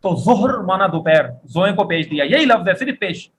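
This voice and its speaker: A man's voice: high-pitched, lively intonation, normal speed, fairly bright tone. A man teaching Arabic words in an echoey classroom. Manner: drills vocabulary, has students repeat words. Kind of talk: classroom lecture. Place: classroom with students and a board. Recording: echoey room, faint background noise.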